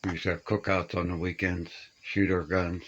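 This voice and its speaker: A low-pitched but slightly bright voice belongs to an older man showing his radio collection in a small upstairs room being gutted to the studs. He talks at a moderate, level pace, casually reminiscing with homespun grammar, and the recording lacks highs and carries a faint hiss or hum.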